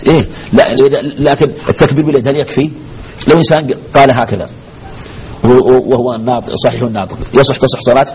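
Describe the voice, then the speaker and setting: Male sheikh, religious law lesson, fast delivery, questions to the class, dull lo-fi recording, faint hiss. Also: mid-range voice, steady tone. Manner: poses questions to the class, repeats key phrases.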